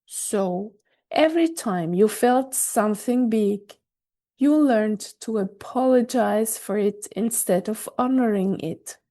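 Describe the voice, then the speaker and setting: A woman hosting her own podcast, speaking a scripted reflective monologue with a gentle, reassuring delivery. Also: medium pitch, takes it slowly. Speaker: podcast host. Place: recorded in Switzerland.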